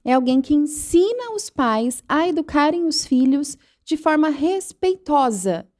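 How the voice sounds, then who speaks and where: Brazilian woman, thirties, high voice, earnest storyteller, podcast guest. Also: sing-song, a little slow, darkish tone. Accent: Brazilian Portuguese. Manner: earnest storytelling, acts out quoted lines. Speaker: guest, parent educator. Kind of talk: interview conversation. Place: podcast studio.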